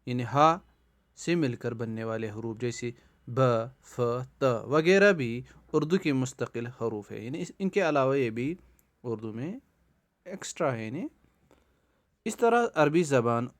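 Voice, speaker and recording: Male Quran teacher, mid pitch, patient and repetitive, sounds out letters slowly. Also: lively intonation. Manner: explains by repeating himself, sounds out letters slowly. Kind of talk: recorded lesson.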